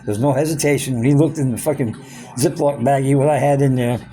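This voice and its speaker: Speaking fast with a warm, medium-pitched voice and fairly even intonation, a man in his sixties vlogs an angry personal rant about his health problems. He curses nonstop and keeps circling back to the same complaints.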